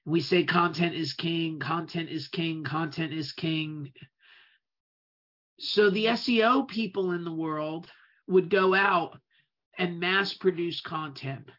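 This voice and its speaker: Speaking slowly in a mid-range voice, someone whose first language is Italian offers a casual talk on running a web business. Key words get drawn out for emphasis, and phrases often start over. The recording is lo-fi and dull.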